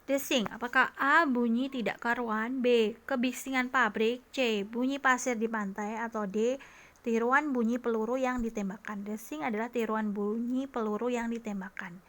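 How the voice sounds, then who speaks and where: A woman's voice: a little high, fairly even intonation, normal speed, fairly bright tone. A woman tutor walking patiently and methodically through vocabulary quiz answers, often adding tag questions. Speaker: test prep tutor.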